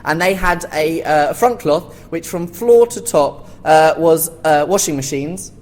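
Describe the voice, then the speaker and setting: At a live panel discussion in a theatre, a man serving as panellist and theatre commentator explains things articulately in an informal but informed way. His voice is on the high side, expressive and a little slow. The live recording carries background room noise.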